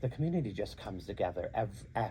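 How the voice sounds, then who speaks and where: A man's voice: on the low side, lively intonation, fast talker, noisy background. A middle-aged man who works as a drag queen and show host, answering interview questions earnestly and repeating phrases for emphasis.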